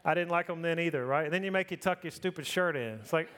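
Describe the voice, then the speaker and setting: A preacher in his forties delivers a sermon drawn from his own life, talking loosely and quickly in a fairly bright voice a bit higher than most men's. He teases himself and keeps asking the congregation "right?"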